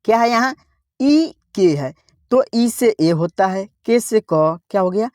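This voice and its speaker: A man teaching an online reading lesson slowly, spelling out each word, repeating it and asking viewers to say it back. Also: high voice, expressive, darkish tone, no echo, clean studio sound.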